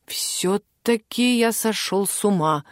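A woman voicing a rattled aging male stage actor dressed as a prince, speaking slowly and lower than her own voice. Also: dry recording, studio quality, lightly acted. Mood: anxious.

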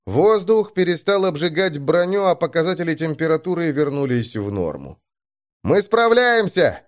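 A man's voice: on the high side, animated, normal speed, a little mellow. A man narrating a science-fiction audiobook in a dramatic, tense manner.

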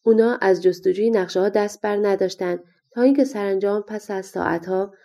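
A woman's voice: mid-range voice, gravelly, mellow. A woman narrating a fairy-tale audiobook in a colloquial, spoken-style reading. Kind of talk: scripted storybook narration.

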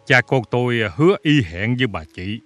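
Story character: a man doing a gentle old father, bright tone, soft music under. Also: medium pitch, animated, moderate pace. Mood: placating. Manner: gentle, courteous, pleading. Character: older rural father, mild and worried. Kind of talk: audiobook story reading.

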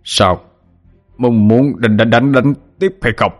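Man doing a gruff ghost general. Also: medium pitch, slow pace, faint music behind. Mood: challenging.

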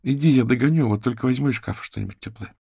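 Male reader as a composed woman therapist in an audiobook, measured, dry sound. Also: medium pitch, creaky, darkish tone, husky, no room sound, pitched above the performer's own voice. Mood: calm. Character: composed adult woman therapist, calm and evasive.

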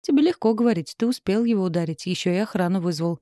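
A woman's voice: medium pitch, expressive, fast talker, mellow, no room sound, studio quality, natural voice. A woman voicing an anxious, complaining young office worker in an audiobook. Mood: sulky. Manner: panicky, complaining. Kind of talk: audiobook reading.

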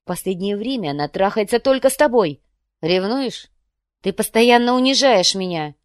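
A woman's voice: mid-range voice, expressive, moderate pace, no echo, studio quality, natural voice. A woman reading the part of a spoiled, cutting young wife, mocking and capricious.

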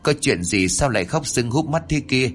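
A man's voice: mid-range voice, animated, normal speed, voice pushed up, natural voice. A man voicing a frantic, grieving young village man who asks urgent, choked-up questions in a storybook reading. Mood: distraught.

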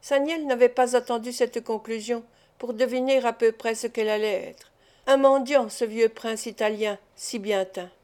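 A woman narrates a nineteenth-century novel for an audiobook, in an even and measured storytelling voice. Her pitch sits a little above the usual. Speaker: audiobook reader.

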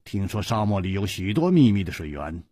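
A composed hero who speaks slowly and evenly, as a male storyteller puts him on. His voice is low and husky. It is recorded dry and close. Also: no echo. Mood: calm. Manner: measured, even. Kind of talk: storytelling radio performance.

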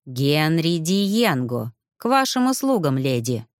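A weary, sorrowful young male ghost from a spoken storybook, polite and a little wry, voiced by a woman. His voice sits low and gentle, often trailing into a sigh. The recording is dry, with no room sound. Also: big pitch swings, takes it slowly, no room sound, full character voice. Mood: courteous, wry. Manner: gentle, sighing, lowered voice.

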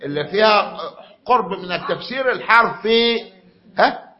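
A man's voice: high voice, expressive, normal speed. A man with an Egyptian accent giving a classroom lecture, often repeating himself and quizzing his students. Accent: Egyptian Arabic. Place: lecture room. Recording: dull lo-fi recording.

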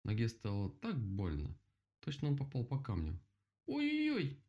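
Gravelly man reading a children's story. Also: lowish voice, moderate pace. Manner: expressive storytelling. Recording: dull lo-fi recording.

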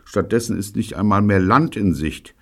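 A man's voice: lowish voice, moderate pace, fairly bright tone, voice pushed up. A man voicing a worried boy in an audiobook who complains and frets. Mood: grumbling.

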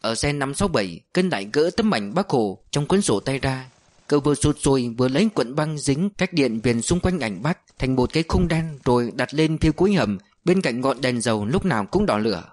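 Man in steady audiobook narration. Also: mid-range voice. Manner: steady, measured storytelling.

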